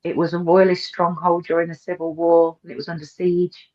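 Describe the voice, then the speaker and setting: A woman from the English East Midlands, with a fairly low, level, slightly mellow voice, speaks fairly quickly on a muffled recording. She's a guest author and paranormal researcher in a casual interview chat, enthusiastic but hesitant, with lots of ums and repetitions.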